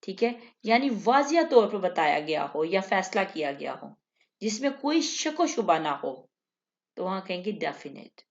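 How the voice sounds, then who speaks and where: A woman teaching an English vocabulary lesson, repeating each word and its meaning slowly. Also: lowish voice, very animated, lo-fi sound.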